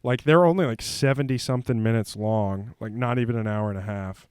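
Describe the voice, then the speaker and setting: Smooth, dry-voiced rambling movie guy. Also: medium pitch, brisk, a little mellow, dry recording. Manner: rambling, filler-heavy, jokey. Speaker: host. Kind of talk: casual movie commentary.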